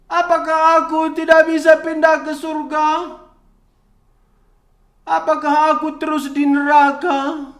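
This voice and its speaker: A tormented rich man begs and wails for mercy, as a man puts him on. The voice sits very high and drawn out, a storybook plea. The room around it rings with echo. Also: monotone, slow pace, long pauses, fairly bright tone, exaggerated voice. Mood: pleading. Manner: desperate, begging and wailing.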